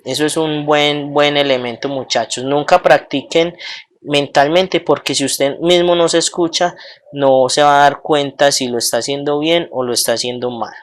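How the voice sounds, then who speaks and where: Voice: mid-range voice, steady tone, normal speed. An English teacher giving a recorded bilingual pronunciation lesson, drilling words aloud and checking in with the class often.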